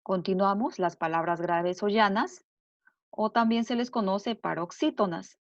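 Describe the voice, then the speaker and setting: A woman's voice: mid-range voice, dry recording. Woman teacher, dull dry recording. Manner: slow, deliberate explaining with repeated examples. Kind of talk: recorded grammar lesson.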